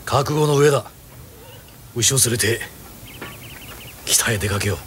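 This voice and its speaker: Dubbing film roles with dramatic flair, a middle-aged man plays characters who are commanding, stern and frequently menacing. He speaks at medium pitch and a little slowly, with background noise present.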